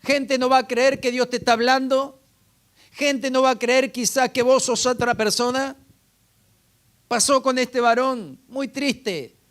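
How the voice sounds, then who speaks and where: A man's voice: very high voice, fairly even intonation, unhurried, fairly bright tone, clean tone. A man preaching a sermon as pastor, often calling out to the congregation with rhetorical questions.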